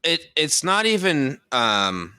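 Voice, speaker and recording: Guy in his own easy podcast chat, rambly, forceful bright tone. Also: fairly high pitch, sing-song, slow, smooth, no room sound. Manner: rambling, thinks aloud with many fillers. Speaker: podcast co-host; dancer. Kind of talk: casual chat.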